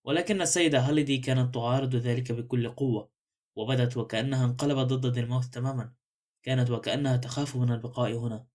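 A man narrating a mystery novel as a spoken book, telling the story in a steady, even manner. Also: medium pitch, fast. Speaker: audiobook narrator. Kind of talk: scripted narration.

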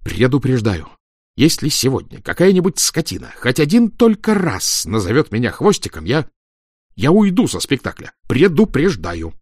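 A man's voice: mid-range voice, huge pitch swings, moderate pace, a little mellow, husky, no room sound, studio quality, pitched above the performer's own voice. A man voicing a hot-tempered schoolboy actor who speaks in clipped, fiery outbursts. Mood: indignant.

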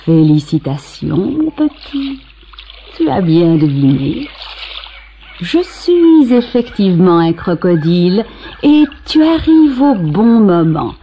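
A woman voicing a sly, cruel crocodile in a storybook cassette, speaking in a slow, honeyed, scheming way. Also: on the low side, big pitch swings, dark tone, slight background noise, voice pushed down, full character voice.

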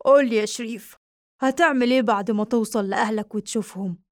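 A woman's voice: on the high side, fast, dry recording, studio quality, close to an everyday voice. A smug police captain, read by a woman. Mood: mocking.

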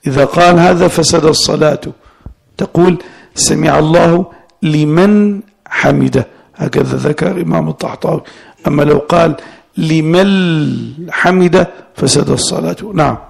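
Male sheikh, gravelly husky voice, patient classical text teacher. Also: a little high, fairly even intonation. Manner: explains slowly, repeats the student's words, asks questions. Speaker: sheikh teaching Hanafi fiqh.

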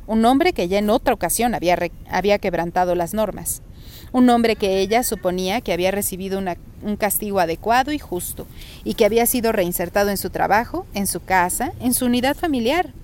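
Calm woman reading a novel aloud. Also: medium pitch, brisk, a little hiss or hum. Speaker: reader.

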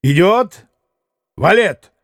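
A man voicing a hot-headed young man who shouts out wild bets in a card game. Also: high voice, extremely slow, dry recording, studio quality, heavily acted. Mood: reckless. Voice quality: loud, excitable, shouting.

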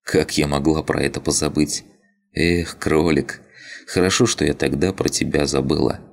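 A man's voice: a bass voice, fairly even intonation, moderate pace, vocal fry. A man voicing a tired young woman who sounds resigned and wryly sad. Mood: weary. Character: weary young woman awaiting her fate.

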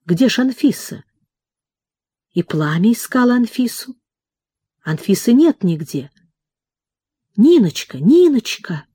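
A woman narrating a novel as an audiobook, in a slow, measured literary reading on a close mic. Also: fairly high pitch, expressive, dark tone, slightly rough, no echo.

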